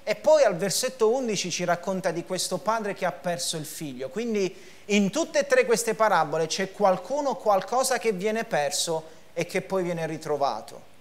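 A pastor in his thirties delivers a sermon from a lectern in a church hall, standing in front of a projection screen. His rather high voice is expressive at a normal speed, and he preaches emphatically, repeating words and gesturing while reading passages aloud. A clip-on mic captures him close and clear.

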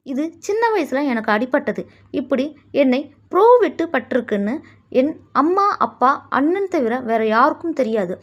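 A woman reading the lines of a composed young woman, steady and matter-of-fact. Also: sits high, moderate pace, dull audio.

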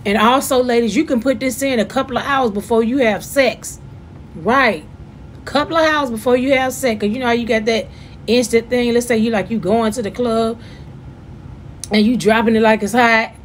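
A woman, chatting loudly and jokingly as she gives a casual demonstration at home. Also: a little high, moderate pace, a little hiss or hum. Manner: chatty, joking, loud and animated. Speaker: vlogger giving a demonstration.

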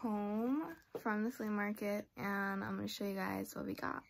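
A young adult woman vlogs casually on a phone held at arm's length, chatting upbeat with plenty of filler words, first at an outdoor flea market and later indoors at home. Her mid-range voice is steady, creaky and at normal speed.

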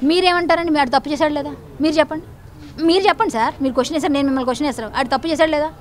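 A woman's voice: high-pitched, rapid-fire, slight background noise. A woman, speaking in a heated news interview in a fiery, defiant and accusatory way.

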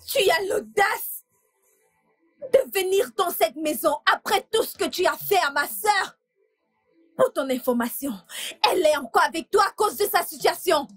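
A woman's voice: very high voice, animated, moderate pace, faint music behind. A woman dubbing a film role as a fierce, defiant younger sister who screams and hurls insults. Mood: scornful. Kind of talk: dubbed film acting.

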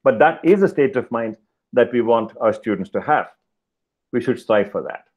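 A man's voice: medium pitch, animated. Older man lecturing over a video call. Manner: measured, deliberate, pauses with fillers. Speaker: keynote speaker. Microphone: headset, video call. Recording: slightly dull video-call audio.

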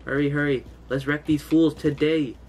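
Speaking at a moderate pace in a fairly high voice with little pitch movement, this young man sounds stuffed up. He's a gaming YouTuber in an indoor room with a green screen, wearing a headset on webcam, and there is slight background noise. His gameplay commentary is hyped and slangy, with loud outbursts.

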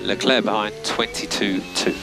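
A race engineer with a lowish, vocal-fry voice speaks at normal speed with fairly even intonation, music running underneath. Over team radio he gives short, factual instructions and timing data. Vehicle noise fills the noisy motor racing feed.

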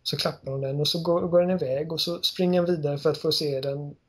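A man chatting on a gaming podcast, his voice sitting a little high for a man. He tells stories in an animated way and acts out the lines of the characters as he goes. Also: slightly rough. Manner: animated storytelling, acting out game lines. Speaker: podcast co-host. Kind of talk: casual chat.

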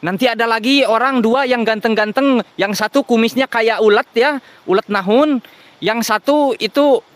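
A man with a Sundanese accent and a high, bright voice hosts a ghost-hunting vlog at night in the woods. He is excitable and jokey and bursts into curses and prayers whenever something startles him. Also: moderate pace. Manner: excitable, jokey, swears and prays when startled.

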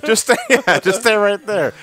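A man's voice: sits high, moderate pace. A man bantering casually over a game, swearing and breaking into hysterical laughter as he talks. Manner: hysterical laughing while talking; excitable, breaks up laughing mid-sentence. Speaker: co-commentator advising the player.

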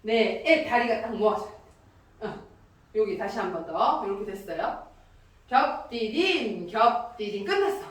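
A woman teaching a dance class, calling out counts and giving brisk instructions. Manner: brisk, lively beat counting with high calls. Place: dance studio with mirror. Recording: echoey studio, distant from mic.

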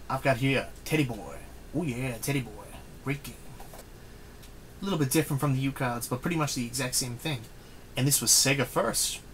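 A man giving an energetic, playful YouTube rant about retro game consoles. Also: mid-range voice, a little hiss or hum, low-quality recording. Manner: hyped, emphatic, playful. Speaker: guest video maker.

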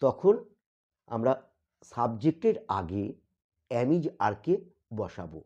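A man teaching a grammar lesson, explaining step by step, spelling words out letter by letter and slowing down for the example sentences. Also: mid-range voice, very animated, a little mellow, dull audio. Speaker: English teacher.

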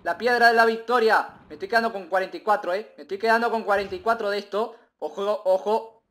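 A man giving excitable, rambling gameplay commentary, repeating himself and bursting into shouts. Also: sits high, fast talker. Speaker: gaming video creator.

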